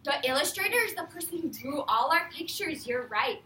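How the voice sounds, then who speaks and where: Fairly quick and sharp-toned, this woman's animated voice sits high as she reads to young children in her classroom. The elementary school teacher explains simply, prompting them often with questions. Sound is echoey and faintly noisy, picked up by a distant mic.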